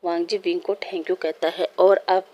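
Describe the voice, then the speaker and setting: A woman narrates a romance story aloud at an even storytelling pace. Her voice is low-pitched and mellow, with a dark, soft timbre. She reads each scene in a steady, unhurried way. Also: highs cut off. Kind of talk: reading fan fiction aloud.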